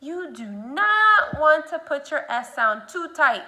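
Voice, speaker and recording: A woman's high voice swings widely in pitch, sounding pushed and bright, with slight noise behind it. She is teaching speech sounds, modeling them slowly and with exaggeration while leading the learner stepwise with plain prompts.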